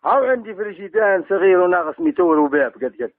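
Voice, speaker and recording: A man's voice: high-pitched, animated, very fast, a little hiss or hum. An Algerian man on a phone call, evasive and placating, haggling his way around a debt. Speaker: debtor offering used goods instead of money. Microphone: telephone. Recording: tinny, band-limited phone line.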